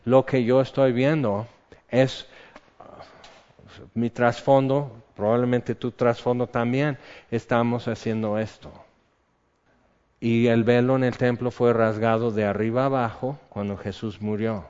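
A man's voice: mid-range voice, steady tone, unhurried, darkish tone, clear, resonant tone. Male pastor preaching in a reverberant hall. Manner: conversational preaching, asks the congregation questions. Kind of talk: sermon. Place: church hall. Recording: muffled sound in a reverberant hall.

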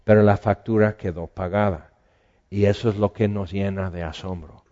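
A man's voice: lowish voice, steady tone, moderate pace, mellow, muffled recording. A man preaching a sermon in a conversational way, asking the listeners questions.

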